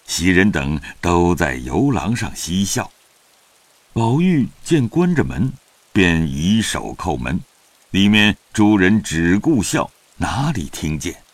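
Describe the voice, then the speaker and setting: A man narrating a classic novel in an audio drama, in an expressive storytelling manner. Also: sits low, takes it slowly, dry recording.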